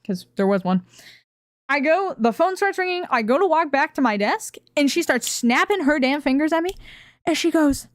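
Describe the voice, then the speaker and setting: A woman streamer telling a workplace story to her chat in a casual, animated way, swearing freely. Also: high voice, normal speed, no room sound, studio quality. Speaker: streamer reacting to videos.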